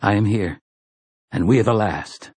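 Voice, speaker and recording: A man voicing a dying young male gunslinger with reckless, mocking bravado in a husky voice. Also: fairly low pitch, measured pace, darkish tone, dry recording. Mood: defiant. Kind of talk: audiobook character voice.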